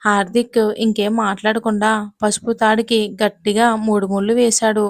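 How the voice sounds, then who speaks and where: A woman storyteller reading a romance serial as scripted narration, at an even pace. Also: mid-range voice, normal speed, dry recording, studio quality.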